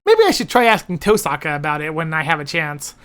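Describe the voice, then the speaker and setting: A woman's voice: low-pitched, animated, quick pace. A woman reading first-person visual novel narration expressively as narrator of a playthrough. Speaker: narrator and editor of a playthrough series.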